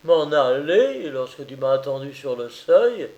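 A man's voice: fairly high pitch, sing-song, measured pace, dull audio. A man reading aloud as an insistent, hot-tempered young nobleman. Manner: forceful, pressing. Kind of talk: audiobook character reading.

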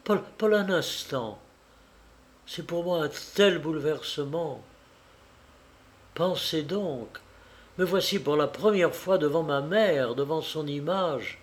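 A man voicing a tender, fearful young bride in a storybook reading, speaking in a hushed, breathy way. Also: fairly high pitch, sing-song, a little slow, few pauses.

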